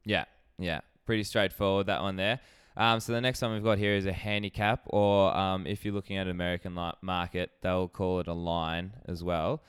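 A man's voice: deep voice, little pitch movement, moderate pace, hardly any pauses, fairly bright tone, clear, resonant tone. A man with an Australian accent co-hosting a casual podcast chat, blokey, slangy and jokey, with some swearing. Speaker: podcast co-host.

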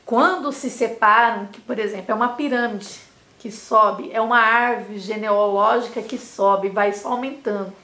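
A woman's voice: a little high, moderate pace, sharp tone, reverberant. An older woman from São state, a podcast guest speaking with heartfelt feeling about family and faith. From Valparaíso, São Paulo state, Brazil. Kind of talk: emotional casual conversation.

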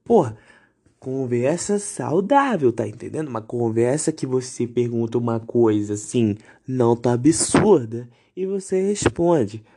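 A young man hosting a podcast, delivering an indignant, sarcastic, swear-filled rant with big pitch swings. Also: lively intonation, measured pace, dark tone, slightly rough. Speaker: podcast host. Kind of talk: ranting podcast monologue.

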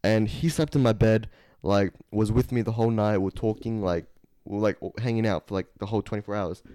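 Young guy on a podcast, lowish mellow voice, swears a lot, really dry sound. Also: a little fast, no room sound. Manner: loose, swearing, excitable storytelling. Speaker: podcast co-host. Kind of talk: casual chat.

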